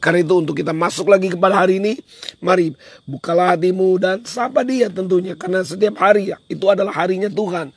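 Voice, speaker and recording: A male preacher with a hoarse, husky, high-pitched voice delivers a fast devotional sermon on a livestream. He is emphatic, repeats phrases for effect, and switches into English at times.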